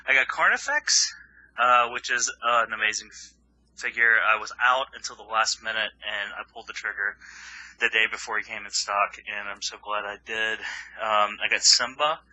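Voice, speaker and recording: A man with a very bright, forceful voice chats loosely on a podcast. He rambles, swears freely and lets his sentences trail off. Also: fairly low pitch, normal speed, lo-fi sound. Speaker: podcast co-host. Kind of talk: casual chat.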